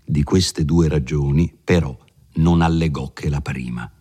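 A man narrating a classic novel for an audiobook in a measured, expressive literary reading. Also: a bass voice, husky.

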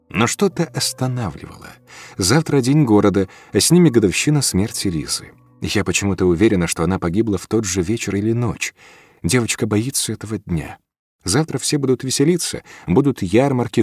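A man narrating a story in a calm, measured audiobook reading. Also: on the low side, husky, no room sound, clean studio sound. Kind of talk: scripted first-person narration.

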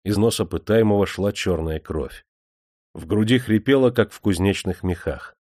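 A man narrating a story in a measured, grave storytelling voice. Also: fairly low pitch, darkish tone, dry recording, studio quality. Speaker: audiobook narrator.

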